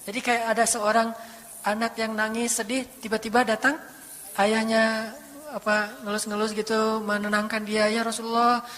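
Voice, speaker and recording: Brief: male preacher, fairly high, bright storytelling voice, echoing hall. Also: moderate pace, slight background noise. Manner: animated storytelling, acting out quoted voices. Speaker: Islamic preacher. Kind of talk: casual conversational sermon. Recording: echoey hall with long reverb.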